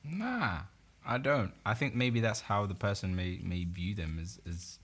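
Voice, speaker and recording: Deep-voiced man arguing insistently. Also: expressive, measured pace, fairly bright tone, breathy edge. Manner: insistent, repeats no over and over. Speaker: podcast co-host. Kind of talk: casual debate.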